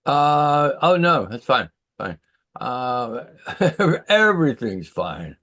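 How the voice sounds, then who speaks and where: A man who teaches martial arts, chatting on a video call, halting and searching for words with many fillers. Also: medium pitch, sing-song, a bit bright. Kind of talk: casual chat on a video call.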